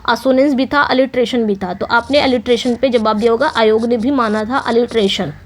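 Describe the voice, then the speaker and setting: A woman with a fairly high voice and fairly even intonation teaches an English exam-prep lesson, mixing in English terms. She reads the English questions slowly, then poses and answers her own questions.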